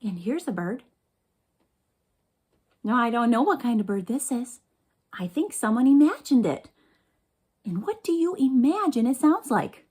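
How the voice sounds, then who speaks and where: A woman teacher speaking gently and in a sing-song way to young children during a lesson. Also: a little high, very animated, husky. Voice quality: slow, gentle and sing-song, addressing kids.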